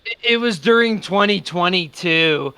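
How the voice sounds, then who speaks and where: A man's voice: high voice, unhurried, pushed and bright, clear, resonant tone, no room sound. A young man in casual podcast chat, blunt and stammering, with frequent swearing. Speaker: podcast co-host.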